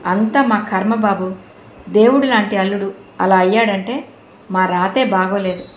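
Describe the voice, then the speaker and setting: A woman's voice: mid-range voice, fairly even intonation, normal speed, lightly acted. A woman reading a storybook voices a frail, grieving old mother who talks in a trembling, pleading way. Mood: tearful. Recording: roomy room, faint noise.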